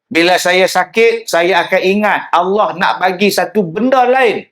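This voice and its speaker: A male preacher, delivering a lively sermon that mixes humor with direct address to the audience. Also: sits high, measured pace. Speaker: religious preacher. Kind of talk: public sermon.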